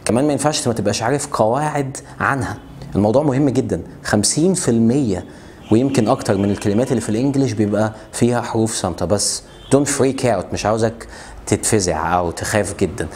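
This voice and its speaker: A man with an Egyptian Arabic accent gives a friendly, lively pronunciation lesson, repeating each word slowly so the viewer can copy it. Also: on the low side, slight background noise. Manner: lively, drills words by repeating them slowly; friendly, talks straight to the viewer. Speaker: English teacher.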